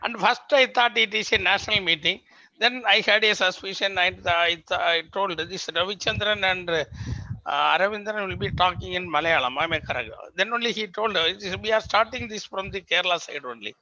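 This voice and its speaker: A man's voice: high-pitched, fairly quick, sharp tone, highs cut off. An older man with a Tamil accent giving informal remarks as he chairs an online meeting. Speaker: senior member chairing a medical association meeting. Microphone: video call. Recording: close, dry online meeting call audio.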